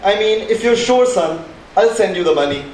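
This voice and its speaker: A man's voice: sits high, animated, normal speed, a little mellow. A man playing an anxious father in a school stage play, with a pleading, despairing manner. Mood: cautious. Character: worried middle-aged father, distraught. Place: large school hall. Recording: echoey hall from far off, faint noise.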